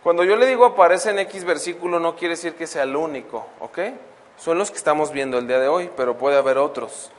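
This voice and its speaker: Man preaching in an echoing hall. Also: fairly high pitch. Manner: asks the congregation questions, reads verses slowly. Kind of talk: Bible teaching sermon. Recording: long hall reverb.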